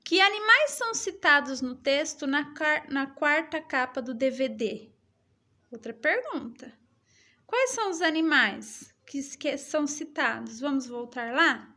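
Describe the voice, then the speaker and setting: A woman teacher with a Brazilian Portuguese accent, reading a schoolbook lesson aloud to children with slow, exaggerated intonation. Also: high voice, expressive, bright, forceful tone.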